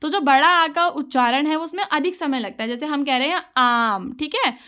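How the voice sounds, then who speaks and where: A woman's voice: high voice, fairly quick, fairly bright tone. A woman teacher explaining exam material patiently to her students, calling them children as she goes. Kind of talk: exam-prep lesson.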